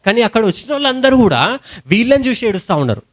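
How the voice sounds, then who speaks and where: High-voiced Telangana Telugu preacher. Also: male voice, very animated, fast. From India. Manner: storytelling sermon in colloquial speech, rising to shouted hallelujahs. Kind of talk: sermon.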